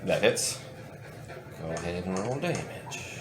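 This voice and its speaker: Low-voiced man running a tabletop game. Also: measured pace, background noise. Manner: relaxed, matter-of-fact rules talk. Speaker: game master.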